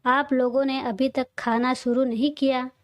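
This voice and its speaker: A woman's voice: high voice, flat delivery, moderate pace, dry recording, natural voice. A woman voicing an earnest, reserved young man looking for work, in a read-aloud audio story.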